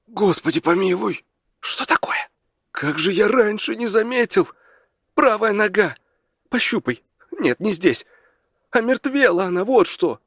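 Brief: male reader doing a dramatic young Irish fellow, pleading, raised pitch. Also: lively intonation, measured pace, pauses often, a bit bright, husky, no room sound, studio quality, full character voice. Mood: alarmed. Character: excitable young Irish man, theatrical complainer.

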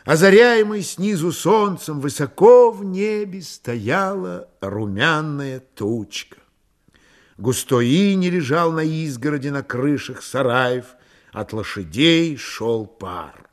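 A man narrating a literary audiobook in a calm, measured, unhurried way. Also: on the high side.

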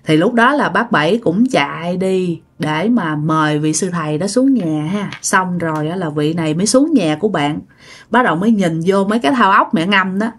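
A woman's voice: on the low side, moderate pace, slightly rough. Chatty Southern Vietnamese woman telling ghost stories. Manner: chatty, with filler phrases and asides to listeners. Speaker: storyteller. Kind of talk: ghost story narration.

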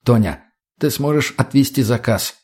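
A man's voice: medium pitch, moderate pace, darkish tone, husky, lightly acted. A man voicing a stern, commanding male group leader who barks firm orders.

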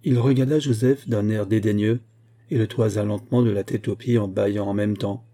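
A male narrator reading a classic novel at a measured, steady pace. His voice is low and very dark. It has a noticeably husky texture. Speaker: audiobook narrator. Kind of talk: scripted literary narration.

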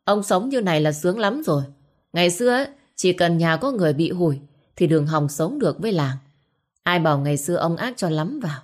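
Give me a woman acting out a harsh, resentful son, sharp and scolding. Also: on the low side. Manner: sharp, scolding, quick retorts. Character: harsh middle-aged man, cold, resentful son.

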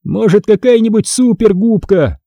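Man playing a teasing brother, mocking, raised pitch, lively, husky. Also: moderate pace, dry recording, studio quality. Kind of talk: audiobook character reading.

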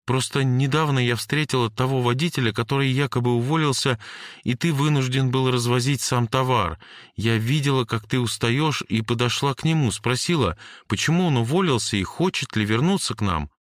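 A man reading an audiobook and voicing a tense, suspicious young woman in a raised, shrill, accusing voice. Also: a little fast, no echo, clean studio sound, natural voice. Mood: anxious.

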